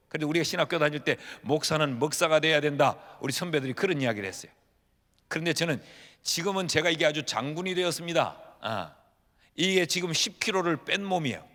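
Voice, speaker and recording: A man's voice: on the high side, fairly bright tone. A man in his fifties, a pastor preaching a sermon, telling humorous stories and acting out prayers as dialogue. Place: church sanctuary. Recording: long reverb of a church hall.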